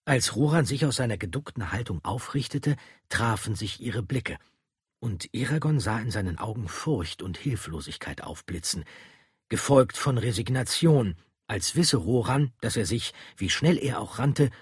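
A man narrating a fantasy audiobook dramatically, dropping to a hush and slowing down at tense moments. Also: mid-range voice, expressive, slightly rough, dry recording, clean studio sound.

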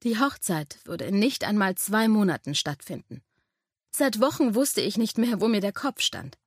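A woman reading a first-person audiobook in a calm, intimate storytelling manner. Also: mid-range voice, moderate pace, breathy edge, no room sound, studio quality. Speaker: audiobook narrator.

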